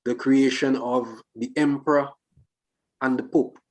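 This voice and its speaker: A man reasoning philosophically in a discussion, speaking deliberately phrase by phrase and posing questions. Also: mid-range voice, fairly even intonation, darkish tone.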